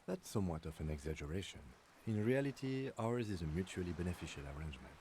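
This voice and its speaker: A man voicing a calm, formal police lieutenant who speaks in a measured, precise and courteous way. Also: low-pitched. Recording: game audio with clear background noise.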